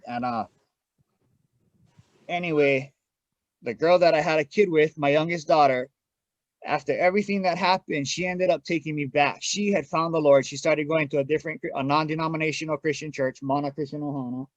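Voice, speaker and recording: A man's voice: fairly high pitch, fairly even intonation, fairly quick. A plain-spoken man giving a candid personal testimony as a podcast guest in casual conversation. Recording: dull, echoey room sound.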